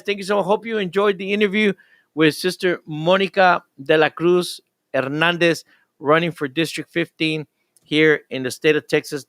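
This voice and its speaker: A man's voice: a little high, fairly bright tone, no echo, clean studio sound. An older man, a pastor hosting a live radio show, talking in an enthusiastic, rambling way with frequent restarts.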